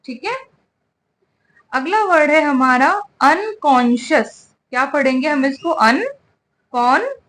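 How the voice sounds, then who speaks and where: Slow, high-voiced woman teaching English words. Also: expressive, fairly bright tone, slight background noise. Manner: slow, spells words letter by letter, repeats "ठीक है" often. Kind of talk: spoken English lesson.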